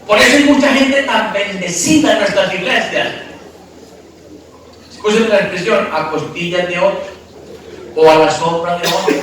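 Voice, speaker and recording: A pastor preaching emphatically, asking the congregation questions and breaking into shouts, recorded from a distance in an echoey church hall. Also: male voice, high voice, background noise. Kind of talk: sermon.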